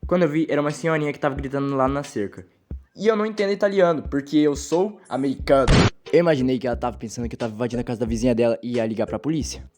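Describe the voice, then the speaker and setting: A young man with a Brazilian Portuguese accent, dubbing an animated storytime as its first-person narrator, telling it in a quick, animated way. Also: medium pitch, slight background noise. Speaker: fan dubber narrating a storytime. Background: faint background music.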